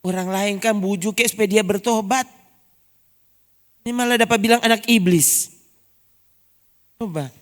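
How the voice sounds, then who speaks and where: A woman's voice: medium pitch, measured pace, pauses often. A woman pastor preaching a sermon, emphatic and full of rhetorical questions. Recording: long church reverb.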